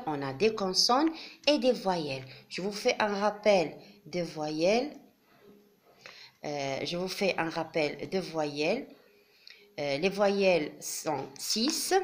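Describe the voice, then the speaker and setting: A woman explaining a classroom craft step by step, patient and methodical, with frequent pauses and fillers. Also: on the low side. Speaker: teacher.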